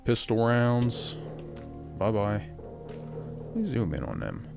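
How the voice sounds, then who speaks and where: A man's voice: lowish voice, very animated, slow, creaky. A man giving casual, crude, joking gameplay commentary that rambles as he plays. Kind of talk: casual let's-play commentary. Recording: game music loud behind the voice.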